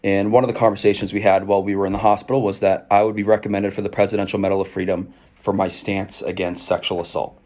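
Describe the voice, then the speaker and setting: A man's voice: lowish voice, flat delivery, fast, hardly any pauses, darkish tone. A man in his twenties telling a personal story and reading aloud from old emails, explaining things in articulate, formal wording. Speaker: video creator recounting own past.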